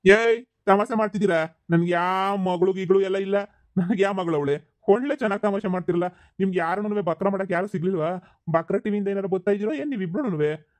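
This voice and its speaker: A man's voice: sits high, brisk, dry recording, lightly acted. A man playing a bewildered, scolding village father who has forgotten his family, in a comedy skit. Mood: puzzled, scolding. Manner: scolding, incredulous, rambling.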